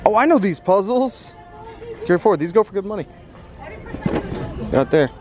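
Soft music plays behind a high-pitched, sing-song, slightly mellow man talking at normal speed. Hosting a casual vlog on a thrifting trip as a reseller, he chats to viewers he calls "guys" while moving through thrift stores and parking lots, filmed with a handheld camera mic.

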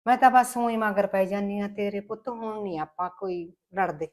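A woman's voice: high-pitched, moderate pace, fairly bright tone. A woman with a Malwai Punjabi accent playing a grumbling, scolding village mother-in-law in a comic skit. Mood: remorseful. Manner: scolding, rustic and emphatic.

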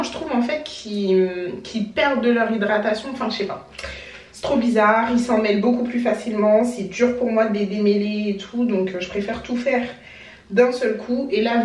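A woman's voice: mid-range voice, moderate pace, distant mic. Chatty young woman vlogging at home, roomy sound. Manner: chatty, expressive, self-mocking. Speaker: beauty vlogger. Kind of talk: casual vlog chat. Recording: roomy, from the mic, faint background hum.

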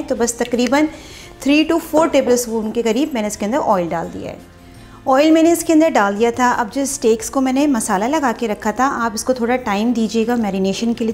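A woman walks viewers through a recipe step by step in her home kitchen while cooking. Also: on the high side. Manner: step-by-step explaining while cooking, frequent "dekhein" asides. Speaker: cooking channel host. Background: soft background music and frying sizzle.

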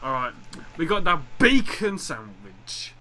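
A man's voice: on the high side, sing-song, unhurried, crowd noise. A young man hosting a podcast, brash and teasing, swearing freely in casual chat. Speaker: podcast host.

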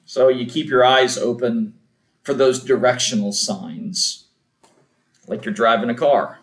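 Man, church cantor, slow patient explainer, mid-pitched, echoey church sound. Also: fairly even intonation. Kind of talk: explaining to a congregation. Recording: roomy echo.

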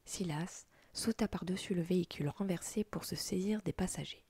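Breathy whispering woman telling a story. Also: lowish voice, no echo. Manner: soft, slow storytelling in a whisper. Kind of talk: whispered role-play.

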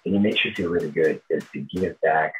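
Speaking with an extremely low pitch and a brisk delivery, a Brazilian-accented man in his thirties gives relaxed interview answers about his work as a tribute show performer. He's from Brazil and grew up speaking Portuguese. There's slight background noise, and the audio quality is poor.

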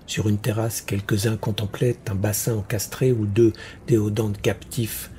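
A man narrating a fantasy story for an audiobook in a measured, deliberate way. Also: fairly low pitch, dark tone, slight background noise.

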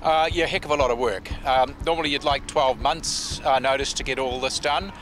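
A man's voice: mid-range voice, steady tone, moderate pace, a bit bright, low-quality recording. Plain-spoken middle-aged man outdoors, faint background noise. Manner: plain-spoken, matter-of-fact. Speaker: tournament director. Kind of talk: interview. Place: outdoors by a sports field. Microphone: handheld reporter mic.

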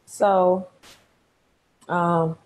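A Mississippi woman in her thirties with a Southern accent coaches people on credit repair during a live stream from a small room at home. Her voice is on the low side, very slow, a little mellow, with little pitch movement, and the recording quality is poor. She repeats words for emphasis and keeps checking in with "right?"

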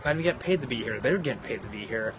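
A man's voice: medium pitch, animated, fast talker, fairly bright tone, slight background noise. A man griping on camera about his lazy bandmates, profane and sarcastic. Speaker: studio helper. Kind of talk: casual rant to camera.

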